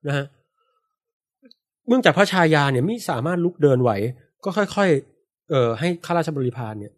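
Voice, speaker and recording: A man's voice: a little high, animated, normal speed. A man telling a folk tale on a casual podcast, acting out screams and sound effects as he goes. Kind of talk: casual storytelling.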